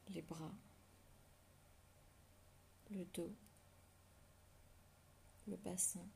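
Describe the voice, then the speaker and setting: Whispering low and creaky right by the listener's ear, a woman guides a meditation in a steady, dark tone. She offers slow, calming relaxation cues with long pauses in between, and faint noise lies beneath her voice.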